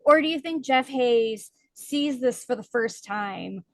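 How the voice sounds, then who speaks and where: A woman co-hosting a book podcast in casual chat, explaining points at length with lively emphasis. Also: a little high, takes it slowly, no room sound. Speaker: podcast co-host.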